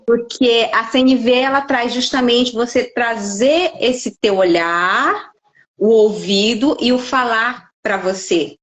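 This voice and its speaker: Expressive Brazilian woman, fairly high voice. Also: takes it slowly. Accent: Brazilian Portuguese. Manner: expressive storyteller, acts out quoted dialogue. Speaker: podcast guest, life coach. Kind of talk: casual conversation.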